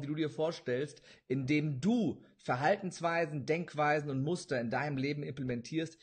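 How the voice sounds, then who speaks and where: A man's voice: fairly high pitch, husky. A young man hosting a podcast interview over a video call, eager and effusive. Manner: eager, effusive, laughs often. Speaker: podcast host. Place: indoor room with bookshelves, video call.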